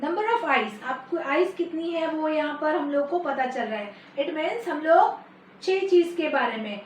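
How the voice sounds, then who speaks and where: A woman with an Indian English accent teaching a nursery poem, slow and sing-song, mixing Hindi and English. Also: sits high. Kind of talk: online nursery-class lesson. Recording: echoey room, voice off-mic, faint hiss.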